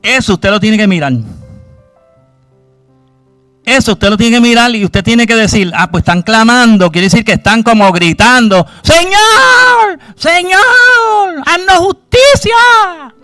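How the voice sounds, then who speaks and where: A man's voice: high-pitched, fairly quick, hardly any pauses, a bit bright, smooth, faint music behind. A man preaching a sermon, questioning his congregation and acting out cries to God. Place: church.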